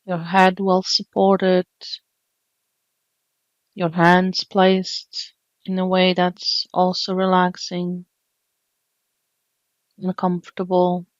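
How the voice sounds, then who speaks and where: A meditation teacher leads a body scan slowly, gently and soothingly, with long pauses between phrases. Her low-leaning voice stays level and monotone, and the recording is dry, a little dull, and echo-free.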